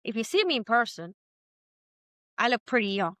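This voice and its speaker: A woman in her thirties with a Jamaican accent, telling her story as a podcast guest in a lively, chatty way. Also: fairly high pitch, normal speed, no echo. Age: 30s. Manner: lively, chatty, quotes herself often. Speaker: guest entrepreneur. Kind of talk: candid storytelling interview.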